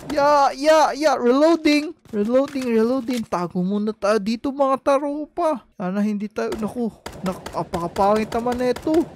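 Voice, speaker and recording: A woman hosting a game video, talking in excited gameplay banter and yelping often. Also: a little high, normal speed, a little hiss or hum. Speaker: channel host playing a game.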